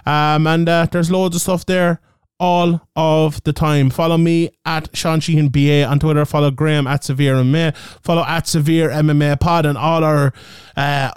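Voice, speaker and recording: Brief: Irish male podcast host, slightly higher voice, smooth and clear, dry close-mic sound, easygoing sign-off patter. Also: normal speed, no echo. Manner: relaxed, chatty, filler-heavy. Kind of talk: casual podcast chat, show sign-off.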